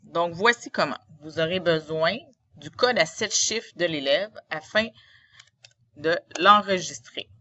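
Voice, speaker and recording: A woman's voice: on the low side, a little slow, sharp tone, lo-fi sound. A woman with a Quebec French accent, a teacher narrating a screen tutorial in a didactic, step-by-step way.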